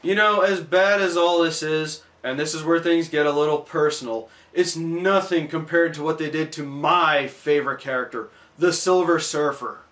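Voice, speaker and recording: A man reviewing a cartoon in a sarcastic, exasperated comedic rant that swings into shouting. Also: on the high side, steady tone, moderate pace, few pauses, slight background noise.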